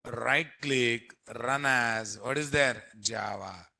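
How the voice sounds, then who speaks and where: A man with an Indian Telugu accent teaching a live software class as instructor, often repeating phrases and quizzing his listeners. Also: mid-range voice, takes it slowly, gravelly, dry recording, clean studio sound. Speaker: programming instructor.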